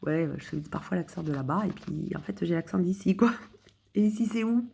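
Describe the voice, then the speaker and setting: A woman's voice: fairly low pitch, brisk, gravelly, dark tone, slightly rough. A woman chatting casually with her viewers, rambling and joking at her own expense. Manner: rambling, self-mocking and joking. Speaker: streamer explaining her own texts.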